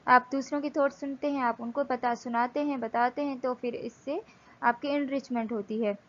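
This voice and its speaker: A woman lecturing from slides, reading English text slowly and explaining it in Hindi. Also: high voice, steady tone, fairly bright tone, highs cut off.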